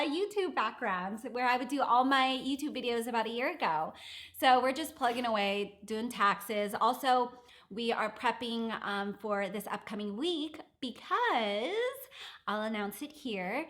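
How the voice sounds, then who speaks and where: A woman's voice: a little high, a bit bright. A young woman hosting a live stream from an office, upbeat and laughing often. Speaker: host.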